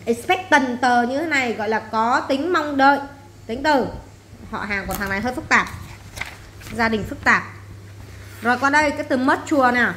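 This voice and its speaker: A woman teaching English runs a vocabulary drill, pronouncing each word, saying it again, and explaining it simply. She has a bright, forceful, high-pitched voice at a normal pace with long pauses, heard in an echoey classroom with faint noise behind her.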